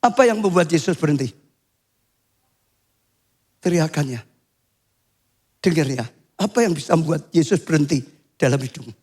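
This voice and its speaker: Older male pastor, high voice. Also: expressive, moderate pace, pauses often, breathy edge. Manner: swings to high shouting when acting out cries. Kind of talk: sermon.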